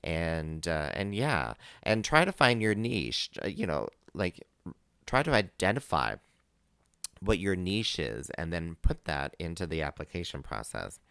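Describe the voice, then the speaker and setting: A man hosting a live community radio show, his voice low and clear with a lot of up-and-down movement. He talks casually and rambles through fillers, laughing easily. The sound is dry and close on a studio mic. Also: sing-song, a little slow, pushed and bright, no room sound.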